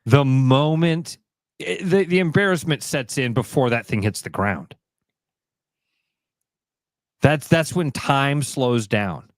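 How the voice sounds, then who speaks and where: A man co-hosting talk radio, bantering in an animated, laughing way. His voice sits in a mid range and is recorded close and dry in a studio, with no room sound. He talks in quick asides. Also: medium pitch, dry recording. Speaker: radio show co-host.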